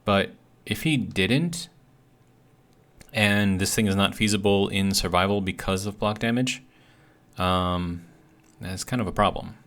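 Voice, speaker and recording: Speaking at a measured pace in a low, slightly bright voice, the host of a gaming video series gives relaxed commentary while hesitantly thinking out loud. His speech is a bit awkward, since he's recovering from biting his tongue.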